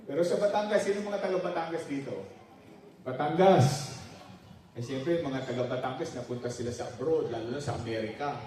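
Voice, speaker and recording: Laughing pastor in an echoey hall. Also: male voice, a little fast, background noise. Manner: playful storyteller, laughing often, jumping into high voices for characters. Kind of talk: joke-telling during a church anniversary talk. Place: large church hall. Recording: distant mic in a very echoey hall.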